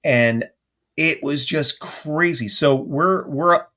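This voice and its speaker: Slowly and with a fairly high pitch, a male paranormal investigator shares a story as a podcast guest. The delivery is animated and rambling, and he keeps revising what he's said.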